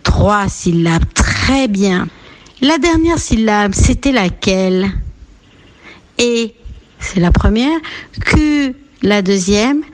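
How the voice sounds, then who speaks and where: A woman teaching a radio lesson for young children, speaking gently with encouraging leaps in her voice. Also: expressive. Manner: slow, gentle, lilting teacher voice with big pitch leaps to encourage. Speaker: preschool teacher.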